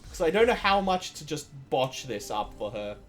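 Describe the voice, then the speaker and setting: A man's voice: fairly high pitch, big pitch swings, moderate pace, fairly bright tone, soft background music. A man from Iceland streaming a game, chatting casually and drifting into long trivia asides with frequent restarts. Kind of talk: casual gameplay commentary.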